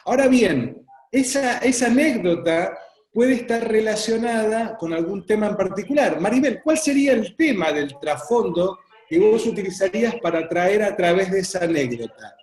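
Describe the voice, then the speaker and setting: A man's voice: high voice, lively intonation, normal speed, darkish tone. A man with a Rioplatense Spanish accent facilitating an interactive online workshop in an effusive, appreciative way. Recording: roomy echo on online call.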